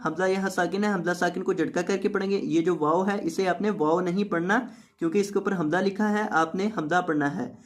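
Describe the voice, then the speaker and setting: A Quran teacher giving a tajweed lesson, reciting each word slowly and drawn out several times, then explaining the rules in quick, softer asides. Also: mid-range voice, fairly even intonation.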